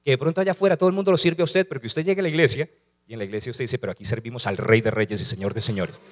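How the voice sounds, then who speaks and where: A man's voice: medium pitch, rapid-fire. Pastor guy preaching, keeps asking the church questions and has them say lines back. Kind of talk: sermon.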